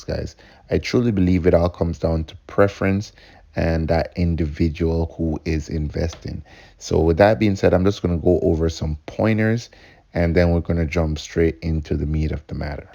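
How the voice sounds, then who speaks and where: Gravelly low-voiced man hosting a vlog. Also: warm tone, lo-fi sound. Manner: upbeat, addresses viewers as guys, repeats points. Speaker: host of a stock investing channel. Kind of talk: casual scripted explainer.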